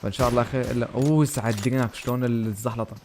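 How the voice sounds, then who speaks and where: A man commentating his own game on a live stream, excitable, shouting at big plays and thanking donors warmly. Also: medium pitch, rapid-fire, a little hiss or hum. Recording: game gunfire and music behind.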